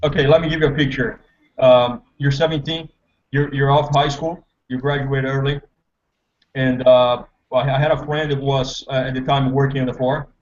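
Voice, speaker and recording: A man from Brazil talks in a mid-range voice over a crackly call line that keeps breaking up. His delivery is hesitant and halting. The muffled headset audio sounds dull and lo-fi. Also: medium pitch, flat delivery. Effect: crackly, breaking-up remote call line. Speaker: guest trader on a live market show. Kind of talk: remote interview call.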